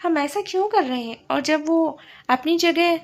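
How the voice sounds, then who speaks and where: Woman doing a guarded questioning young woman, storybook drama, high voice. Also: unhurried. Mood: uneasy.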